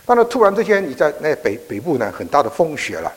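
A man preaching, telling a story in an animated, halting way with frequent restarts. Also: on the high side, husky. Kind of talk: sermon storytelling. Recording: echoey hall.

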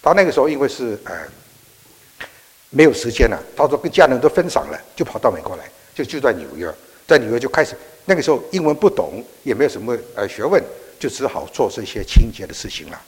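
A man telling a sermon story, animated and halting, with plenty of restarts. His husky voice swings widely in pitch. It rings through a large echoey hall. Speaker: preacher.

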